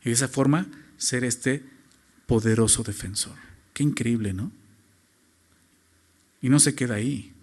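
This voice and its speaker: Guy preaching, keeps asking the crowd questions, gets loud then drops low, normal pitch. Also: unhurried, long pauses. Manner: emphatic, with rhetorical questions to the congregation; swings from loud high emphasis to low quiet phrases. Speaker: pastor. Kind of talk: sermon.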